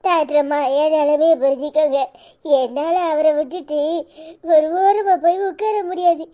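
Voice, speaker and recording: Woman voicing a distraught wife, cartoon, Kanyakumari Tamil accent, very high, warm tone. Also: fairly even intonation, normal speed, close to an everyday voice. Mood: pleading. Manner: pleading, then harsh scolding. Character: distraught young wife, fierce when angered. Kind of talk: cartoon voice acting.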